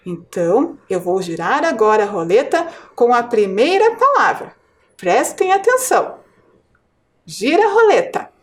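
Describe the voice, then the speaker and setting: A primary school teacher with a Brazilian Portuguese accent gives a televised lesson for children, her slightly high voice moving through big pitch swings. She speaks slowly and clearly, syllable by syllable, asking questions along the way, with slight background noise present.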